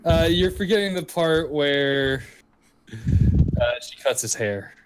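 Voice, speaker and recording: Calm man giving short replies. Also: a little high, takes it slowly, very noisy. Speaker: anime discussion podcast co-host. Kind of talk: casual chat.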